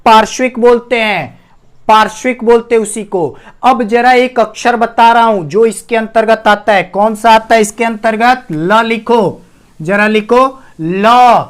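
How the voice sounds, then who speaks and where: At a whiteboard, a man runs a classroom-style Hindi grammar lesson, calling his students "bhaiya," quizzing the class, and repeating every key term. His voice is extremely high and steady, delivered at normal speed and smooth.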